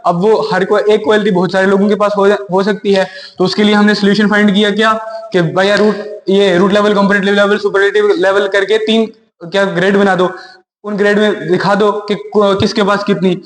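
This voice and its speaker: A man's voice: high-pitched, little pitch movement, fairly quick. A man teaching English grammar in a classroom lesson, explaining step by step and asking rhetorical questions. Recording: echoey room with long reverb.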